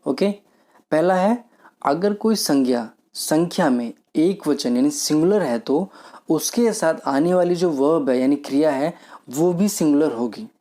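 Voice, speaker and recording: A man teaching a grammar lesson in a mellow, relaxed voice. He poses questions and answers them himself. He slows right down whenever he reads out an example sentence. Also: on the high side.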